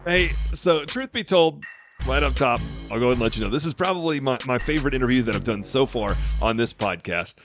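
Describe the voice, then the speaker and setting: A man's voice: medium pitch, animated, brisk, fairly bright tone. A man hosting a podcast, giving a chatty, upbeat intro with playful self-deprecating asides. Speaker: podcast host. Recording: music bed underneath.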